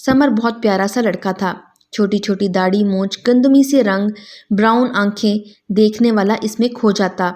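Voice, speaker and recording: A woman narrating a scripted moral story in an even storytelling manner. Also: mid-range voice.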